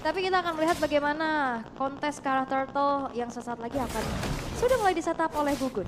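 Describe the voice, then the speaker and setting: A woman giving casual, brisk analytic color commentary on an esports match. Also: sits high, music in the background.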